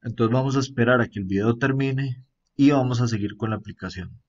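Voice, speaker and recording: Man, casual app walkthrough, mid pitch, filler pauses, slightly muffled recording. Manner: relaxed, tags sentences with a questioning aside, filler pauses. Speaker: app reviewer.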